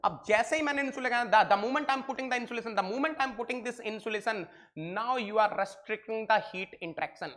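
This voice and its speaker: Indian man, online engineering lecturer, high voice, slow and repetitive, quizzes students warmly. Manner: repeats points and quizzes students, calling them "beta". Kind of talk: live online lecture mixing Hindi and English.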